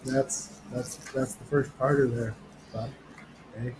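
A man's voice: medium pitch, steady tone, slow pace, darkish tone, rough recording. A man co-hosting a podcast, crude, joking and laid-back in casual banter. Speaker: podcast co-host. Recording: noticeable background noise.

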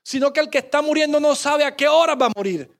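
A male pastor preaching with passion in a very high voice. He talks straight to the congregation and sinks to a soft hush for quoted words. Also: quick pace. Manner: impassioned preaching, drops to a hush when quoting Jesus. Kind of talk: sermon.

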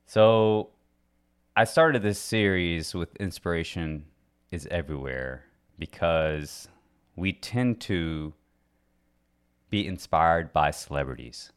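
A man hosting a casual interview, relaxed and affirming, often answering with a short yeah. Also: low-pitched, takes it slowly, clear, resonant tone. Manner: relaxed, affirming with frequent yeahs. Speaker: host.

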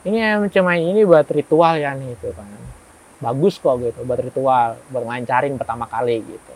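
Speaking in a mid-range voice at a slightly fast clip, a young guest storyteller shares a horror story in casual chat. He brings the quoted lines to life in an animated way, though the audio is poor.

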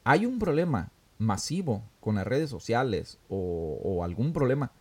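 A man's voice: medium pitch, very animated, measured pace, a little mellow, breathy edge. A man hosting a talk show, giving earnest advice in a casual, filler-laden way. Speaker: radio talk host.

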